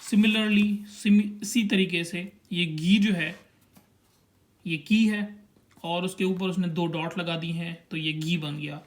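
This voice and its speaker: A young man with a notably high-pitched voice teaches a language lesson. He is patient and steady as he points at a chart and sounds out each syllable slowly, one after another.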